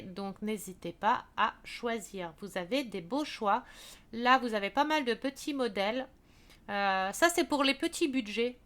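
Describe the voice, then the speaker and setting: A woman's voice: on the high side, a bit bright. A woman casually walking viewers through a craft shop's products, chatty with many fillers and restarts. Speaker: craft video creator.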